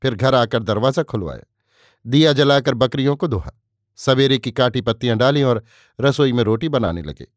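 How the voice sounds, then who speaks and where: A male narrator reads a novel aloud in a measured, unhurried way. His voice sits at an ordinary middle pitch. The sound is dry and close, with no room echo. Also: expressive. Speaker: audiobook narrator.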